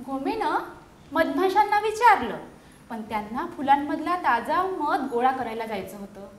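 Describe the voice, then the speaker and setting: A woman's voice: high-pitched, a little slow. A woman teacher reading a picture book aloud to children in a classroom, often stopping to ask them questions. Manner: animated, keeps questioning the children. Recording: echoey classroom.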